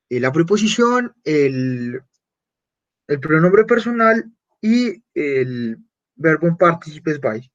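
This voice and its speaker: A man teaching a beginner German class, patiently repeating German phrases slowly and clearly. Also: a little high, lo-fi sound.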